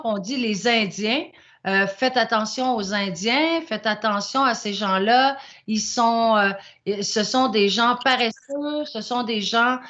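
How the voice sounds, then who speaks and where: A woman's voice: on the high side, a bit bright, lo-fi sound. A woman from Quebec with a Québécois accent, a guest artist introducing herself in a live online talk, speaking with many hesitations. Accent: Québécois French. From Quebec, Canada. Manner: slow, halting, many hesitations.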